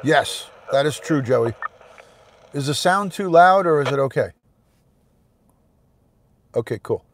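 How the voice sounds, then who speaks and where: A man's voice: a little high, animated, slow, long pauses, a little hiss or hum. A man in his fifties hosting a casual livestream commentary from inside a car, often repeating himself. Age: 50s. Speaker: host, retired police detective.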